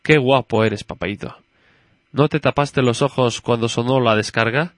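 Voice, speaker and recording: A man's voice: mid-range voice, moderate pace, dry recording, lightly acted. A man reading a story aloud and voicing a curious, chatty little girl who keeps questioning her father. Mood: innocent curious.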